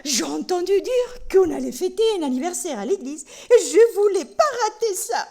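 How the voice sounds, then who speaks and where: Woman doing a squeaky eager teddy bear. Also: animated, normal speed, gravelly, mellow, exaggerated voice. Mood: delighted. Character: excited little male teddy bear.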